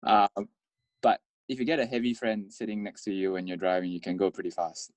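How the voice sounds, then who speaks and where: A man who grew up in Malaysia, a guest in a casual interview, talking haltingly and repeating words. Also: fairly low pitch, no echo.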